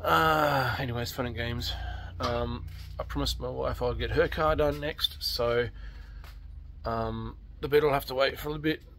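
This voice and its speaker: A man talks casually through his car projects, stopping for ums and trailing restarts. His voice sits at an ordinary middle pitch. He is recorded on a phone held close in an open carport. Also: fairly even intonation, moderate pace, a bit bright, slight background noise. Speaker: car restoration vlogger. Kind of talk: casual vlog chat. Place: open carport at home, outdoors. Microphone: phone camera held close.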